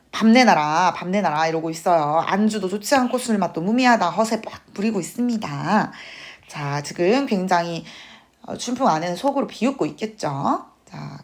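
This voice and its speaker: A woman literature teacher lecturing to students with a slightly hoarse, sunk voice, acting out quoted lines. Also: mid-range voice. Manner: animated, acts out quoted lines in character voices. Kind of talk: classroom lecture on classic Korean fiction.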